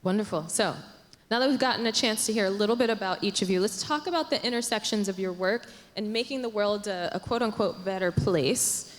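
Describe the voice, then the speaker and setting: A woman moderating a panel discussion on a conference stage, speaking in a measured way. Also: mid-range voice. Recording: reverberant conference hall.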